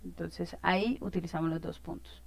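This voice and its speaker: A woman's voice: fairly low pitch, steady tone, normal speed, creaky, darkish tone, no room sound. A woman teacher, explaining a lesson in an informal way, with many fillers and check-in questions.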